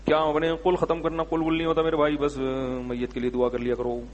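A man's voice: on the high side, level tone, in a large hall, dull audio. A man giving religious answers to questions in an emphatic, rhetorical manner, sometimes scolding. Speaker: Islamic scholar answering questions. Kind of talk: religious Q&A talk.

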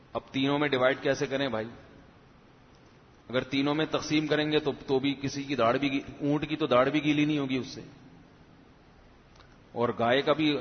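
A man preaching a sermon in a conversational way, telling a parable and putting questions to his listeners. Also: mid-range voice. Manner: conversational, asks the audience questions. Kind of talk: sermon with storytelling. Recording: echoey hall, dull lo-fi sound.

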